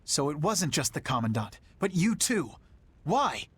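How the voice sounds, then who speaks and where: A woman voicing a calm, composed young woman warrior in a video game, measured and questioning. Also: sits low, slight background noise.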